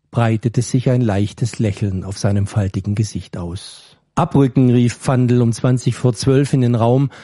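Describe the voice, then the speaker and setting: A man reading a story aloud with a calm, measured delivery. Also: mid-range voice, no room sound, studio quality. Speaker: story reader. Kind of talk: scripted narration.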